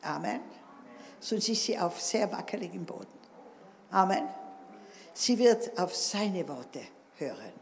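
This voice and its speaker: A woman's voice: on the low side, sing-song, a little slow, vocal fry, pauses often, slight background noise. A woman preacher delivering an emphatic sermon, often calling for an amen from the congregation. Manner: emphatic, calls for amens. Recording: long hall reverb.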